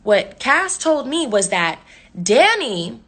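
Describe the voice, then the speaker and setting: A woman's voice: a little high, slow. Young woman ranting profanely. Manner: profane, slangy, animated retelling with quoted voices. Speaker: YouTuber telling a story. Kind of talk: casual storytime rant.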